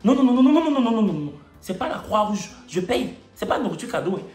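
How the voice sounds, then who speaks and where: A man's voice: high voice, brisk. A man putting on an Ivorian accent to play himself, exasperated and mocking, in an echoey room with faint music. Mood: indignant. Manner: animated, mocking, rhetorical questions.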